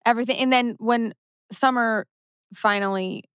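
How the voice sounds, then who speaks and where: Bright, playful woman co-host. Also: a little high, steady tone, moderate pace, smooth, dry recording. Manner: laughs easily, playful asides. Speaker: podcast co-host. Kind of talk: casual rewatch chat.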